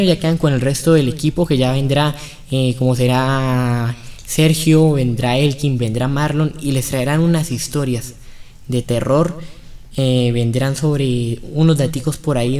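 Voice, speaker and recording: A man's voice: mid-range voice, darkish tone. A male radio host talking casually, loosely and with hesitant fillers. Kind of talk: casual chat.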